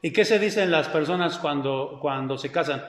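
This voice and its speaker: A high-pitched man preaches to his congregation, stopping often to quiz the listeners. His voice carries through a reverberant church hall with a long echo tail. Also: normal speed. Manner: keeps quizzing the congregation. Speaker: pastor. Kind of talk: sermon.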